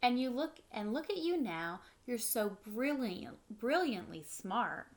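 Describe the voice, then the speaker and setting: There's a little hiss or hum behind this fairly high-pitched female voice, which swings widely in pitch and never hurries. A woman in her thirties, she reads a picture book expressively in a home living room, teacher-style, with simple explanatory asides for kids.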